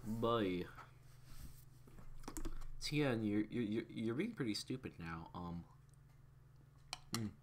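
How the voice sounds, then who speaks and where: A man's voice: on the low side, animated, unhurried, pauses often, a little hiss or hum. A young man casually reading fan fiction aloud, stumbling over words and correcting himself as he goes. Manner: stumbling, self-correcting, chuckling asides.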